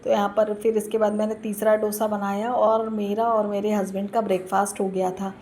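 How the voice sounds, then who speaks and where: A woman's voice: mid-range voice, flat delivery, a little fast, a little mellow, a little hiss or hum. A woman, narrating a voice-over for her home vlog, chatty and homely, explaining each step. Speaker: vlogger. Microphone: recorded voice-over.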